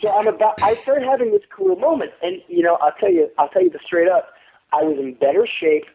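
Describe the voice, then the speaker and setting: High-pitched and fairly quick, an actor in his thirties curses and boasts through lively stories during a casual phone interview, mimicking the voices of people he quotes. The line sounds tinny, with a little hiss or hum.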